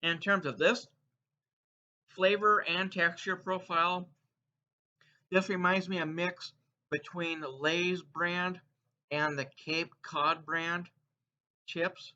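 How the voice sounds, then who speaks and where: A man's voice: high-pitched, fairly even intonation, takes it slowly, long pauses, bright, forceful tone. A man hosting a casual taste-test vlog, playfully announcing his verdicts while munching crunchy chips between remarks. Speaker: food taste-test reviewer and host. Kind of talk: casual snack review vlog to viewers. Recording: dull, muffled lo-fi sound.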